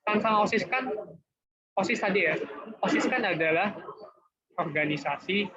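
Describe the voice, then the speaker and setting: High-voiced young man tutoring casually. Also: lively intonation, moderate pace, pushed and bright. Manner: chatty, informal, often says guys and gitu. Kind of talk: casual online class explanation. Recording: dull lo-fi online class audio.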